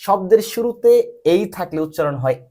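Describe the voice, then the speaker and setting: A man leads a patient one-to-one lesson, his voice rising and falling in a lively, animated way. He keeps checking understanding with short questions and spells words out letter by letter. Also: sits high, normal speed. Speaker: English teacher. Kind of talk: patient spoken lesson, quizzing a student.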